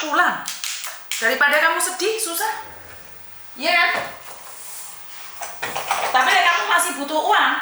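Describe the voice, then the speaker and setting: Speaking in a high, bright, forceful voice, an advice host from Indonesia lectures a caller with firm, scolding bluntness and mixes in Javanese. The audio is reverberant and carries a little hiss or hum.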